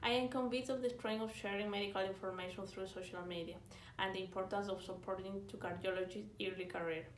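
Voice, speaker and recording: A woman's voice: medium pitch, fairly even intonation, quick pace, a little hiss or hum. Ecuadorian woman cardiologist in an echoey room.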